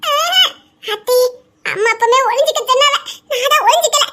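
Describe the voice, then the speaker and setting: A woman voicing an excitable little village boy in a cartoon, with a Tirunelveli Tamil accent and a squealing, exclaiming manner. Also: very high voice, moderate pace. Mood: excited. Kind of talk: cartoon voice acting.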